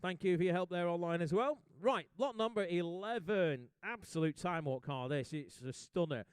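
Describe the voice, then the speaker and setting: Brisk auctioneer calling bids. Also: male voice, high-pitched, animated, smooth, no room sound. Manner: brisk, jokey rapid bid calling. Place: auction sale room.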